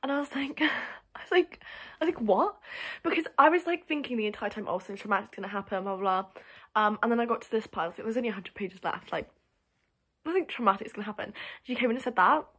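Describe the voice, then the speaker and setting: A woman's voice: fairly high pitch, expressive, fast talker, a bit bright, husky. A young woman chatting casually about books in a reading vlog, gushing and filling her talk with "like". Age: young adult. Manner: chatty, gushing, heavy use of "like". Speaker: book vlogger.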